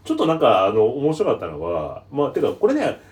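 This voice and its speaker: A man's voice: mid-range voice, wildly swooping pitch, fairly quick, darkish tone. A man hosting a radio-style talk show, telling rambling anecdotes in casual chat. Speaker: podcast host.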